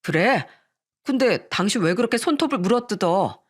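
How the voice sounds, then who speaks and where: A woman voicing a worried young husband in a radio story reading, asking slow, concerned questions. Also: medium pitch, lively intonation, close to an everyday voice.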